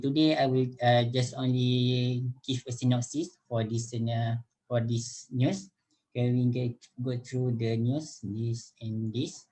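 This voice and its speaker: A young man leads a student group discussion over a video call. His voice is dark and mellow, and he pauses often with fillers. He restarts his sentences as he talks. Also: mid-range voice, rough recording. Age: young adult. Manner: hesitant, many fillers and restarts.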